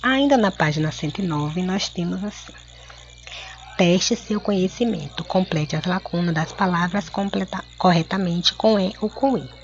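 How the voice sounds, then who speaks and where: Patient Brazilian woman teacher, low voice. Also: slight background noise. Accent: Brazilian Portuguese. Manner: slow, clear, spelling words out for children. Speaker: schoolteacher. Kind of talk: recorded classroom lesson. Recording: dull lo-fi home recording.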